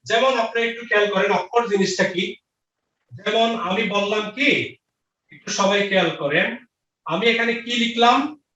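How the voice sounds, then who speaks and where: A man's voice: sits high, measured pace, pauses often, bright, forceful tone. A man teaching a grammar lesson, repeating each question and answer and checking with his students. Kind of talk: online grammar lecture. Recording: roomy, distant, dull lo-fi audio.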